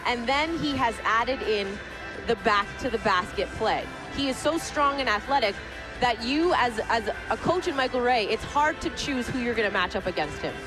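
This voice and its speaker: Higher-pitched woman doing sports commentary over music. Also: expressive, normal speed, poor audio. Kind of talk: pre-game basketball commentary. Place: indoor sports arena.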